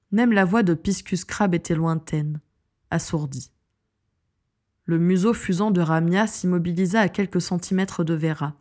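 Low-voiced woman narrating an audiobook. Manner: measured, expressive storytelling.

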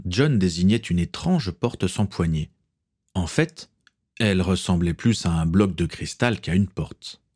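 A man narrating a storybook reading in an expressive storytelling manner. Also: low voice, a little slow.

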